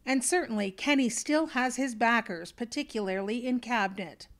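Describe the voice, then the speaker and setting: Female news reporter, Canadian accent, higher-pitched voice, scripted narration. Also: moderate pace, a bit bright.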